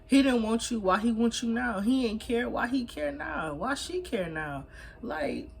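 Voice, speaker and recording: A woman's voice: fairly high pitch, lively intonation, measured pace, vocal fry, slight background noise. A young woman giving blunt, emphatic, slangy advice in a casual chat while she eats. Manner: talking while eating. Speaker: mukbang vlogger.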